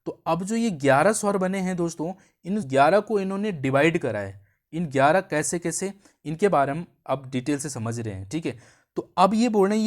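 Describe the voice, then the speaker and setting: A man teaching an exam-prep grammar lesson, explaining step by step, drawing out sounds to show them and checking in with quick questions. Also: a little high. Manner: draws out vowel sounds to show their length.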